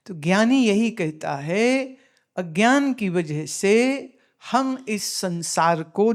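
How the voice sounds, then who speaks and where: A woman spiritual teacher giving a discourse, explaining with homely examples, asking her listeners questions and mixing in English phrases. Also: medium pitch.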